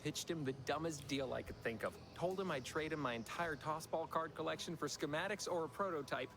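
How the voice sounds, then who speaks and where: A man playing a jittery corporate clerk from a video game, all folksy chatter and nervous schemes. His voice sits high and runs on quickly, with a faint hiss behind it. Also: natural voice. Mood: scheming. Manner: folksy, fast-talking, jittery.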